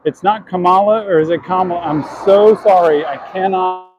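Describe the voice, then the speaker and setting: A man's voice: sits high, moderate pace, lo-fi sound, a crowd in the background. A man chatting earnestly to his viewers while walking down city streets, answering questions from chat.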